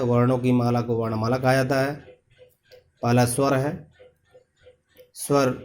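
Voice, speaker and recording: Man slowly explaining a lesson. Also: medium pitch, a little mellow. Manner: slow, repetitive explaining with many pauses. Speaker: teacher. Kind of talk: classroom lesson.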